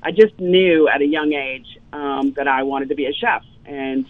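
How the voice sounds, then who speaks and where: A chef from Louisiana in the US South, a woman in her fifties, tells stories as a guest in a casual interview. Her voice sits low, her pace is normal, and she's an animated storyteller with frequent ums. The audio is a tinny, dry phone line with no room sound.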